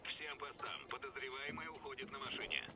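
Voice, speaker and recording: An actor playing a male police dispatcher, heard over a police radio, giving flat, clipped official announcements. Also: medium pitch, a little fast, over music. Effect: police radio transmission.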